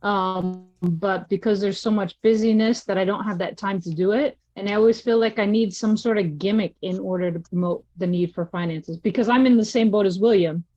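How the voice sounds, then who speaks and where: A woman's voice: medium pitch, steady tone, a little fast, hardly any pauses, mellow, no room sound. A woman in a group discussion, speaking earnestly and repeating herself to stress her point. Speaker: missionary in class. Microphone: video call. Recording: dry, muffled call audio.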